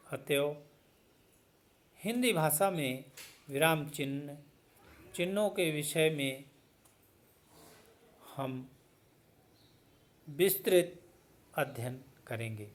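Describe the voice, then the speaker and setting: A middle-aged male teacher from India walks through a grammar lesson. His voice sits slightly high for a man, and he speaks very slowly and deliberately. He breaks every sentence into short, measured phrases. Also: slight background noise.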